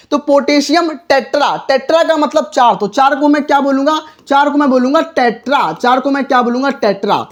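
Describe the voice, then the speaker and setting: A male chemistry teacher giving a lesson, asking himself questions and answering them and repeating each step. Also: extremely high pitch.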